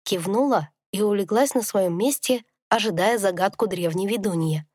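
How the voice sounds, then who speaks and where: A woman reading a fantasy audiobook in the first person, calm and reflective. Her voice sits at an ordinary middle pitch and sounds dry and close to the mic. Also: moderate pace, no echo. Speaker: audiobook narrator.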